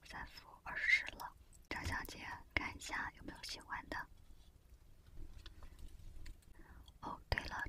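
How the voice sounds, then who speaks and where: A pushy, smooth-talking shop saleswoman played by a woman in a whispered ASMR role-play. She speaks entirely in a whisper, close to the mic. Her customer-service patter is coaxing and persuasive. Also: natural voice.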